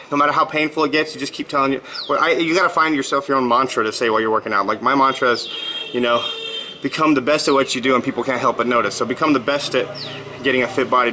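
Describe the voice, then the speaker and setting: Thirties male blogger, casual and rambling, sharp bright tone. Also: mid-range voice, slight background noise, low-quality recording. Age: 30s. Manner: rambling, upbeat, many fillers and restarts. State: just finished a workout. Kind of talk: casual vlog monologue.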